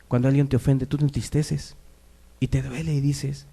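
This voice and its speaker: A man preaching a sermon, moving between quiet, low asides and loud, raised exhortation. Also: flat delivery, normal speed, vocal fry.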